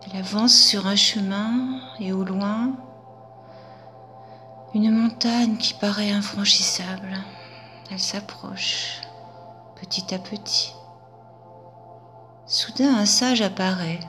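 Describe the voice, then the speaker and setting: Woman hypnotherapist: hushed, very slow, bright tone, faint music behind. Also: medium pitch, steady tone. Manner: soft, half-whispered, drawn out. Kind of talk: guided hypnosis session.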